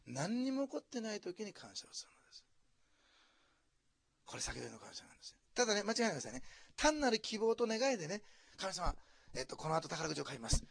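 A male pastor from preaching a sermon, dropping to hushed asides and then rising to loud, animated exclamations. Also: high voice, vocal fry, slightly rough, no room sound. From Japan, Osaka.

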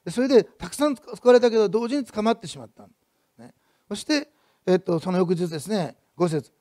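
Male pastor, quick-paced sermon delivery, swings between emphatic repetition and soft asides. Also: sits high, expressive, no echo, clean studio sound. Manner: builds to loud emphatic repetition, then drops to soft asides.

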